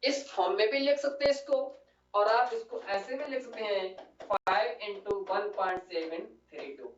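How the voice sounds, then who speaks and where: A man's voice: high-pitched, moderate pace, a little hiss or hum. A male physics teacher giving a classroom lecture, coaxing his students and often checking that they follow. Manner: coaxing, calls students "beta" and keeps asking "clear?". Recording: echoey room, distant lo-fi mic.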